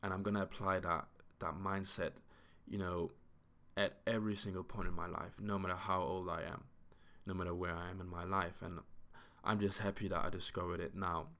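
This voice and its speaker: A man in his twenties hosts a solo podcast in a low, flat, sharp-toned voice, talking a little fast. He is earnest and reflective, with many fillers and restarts.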